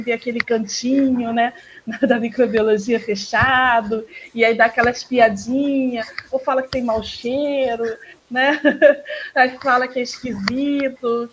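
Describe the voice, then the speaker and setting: A woman's voice: fairly high pitch, slight background noise, poor audio. Chatty Brazilian woman hosting an online talk. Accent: Brazilian Portuguese. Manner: chatty, frequent tag questions, laughs often. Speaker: host.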